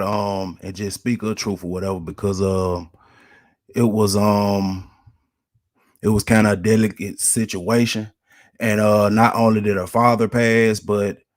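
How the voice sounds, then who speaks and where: A man comments on news clips in a relaxed, unscripted way. His voice is a bit low, and he stops often with fillers while he gathers his thoughts. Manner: hesitant, many fillers. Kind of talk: casual commentary.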